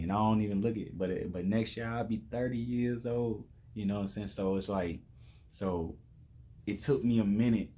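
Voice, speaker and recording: With a low, mellow voice, this man in his twenties delivers a loose, motivational monologue about life. He keeps restarting his thoughts and tossing in "you know what I'm saying."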